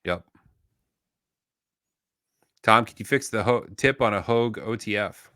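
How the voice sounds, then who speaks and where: A man's voice: fairly low pitch, measured pace, bright, forceful tone, no echo, studio quality. A man co-hosting a knife show in casual chat, rambling and easygoing with lots of fillers.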